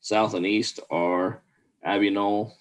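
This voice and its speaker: Low voiced guy going through an official staff report, very monotone, procedural. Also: slow. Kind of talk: formal staff report read aloud.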